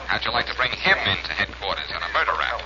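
An actor playing a quick-witted, insistent amateur detective in a 1940s radio crime drama. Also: male voice, deep voice, animated. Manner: insistent, earnest. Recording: dull old radio recording, faint noise.

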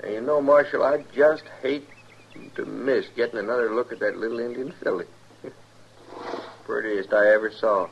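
An actor playing a cocky, callous American gambler outlaw in a radio western, with folksy frontier talk and a gravelly voice. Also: male voice, mid-range voice, fairly even intonation, normal speed, natural voice. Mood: sly, callous. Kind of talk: old-time radio western acting. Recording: noisy, dull old radio recording.

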